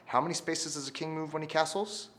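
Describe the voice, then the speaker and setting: A man's voice: a little high, steady tone, fast talker, a bit bright. A man teaching chess through a story, with call-and-response cues for kids. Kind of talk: instructional video for teachers.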